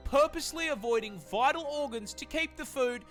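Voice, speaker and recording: A man's voice: extremely high pitch, moderate pace, a bit bright, faint music behind. A man doing comedic scripted documentary narration in a sweary, irreverent, slangy manner. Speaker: animal facts video narrator.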